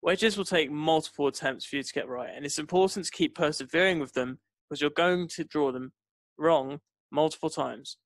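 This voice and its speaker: This is a man with a slightly high voice delivering a scripted tutorial as a trading instructor. He moves briskly through each step, and the close voice-over mic gives a dry recording.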